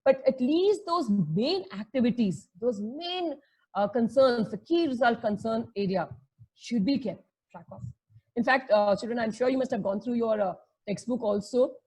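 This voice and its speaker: Higher-pitched Indian woman teacher, slightly husky. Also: expressive, normal speed, warm tone, low-quality recording. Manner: conversational, checks in with rhetorical questions and tag words; mixes Hindi phrases into English. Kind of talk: explanatory lesson with everyday examples.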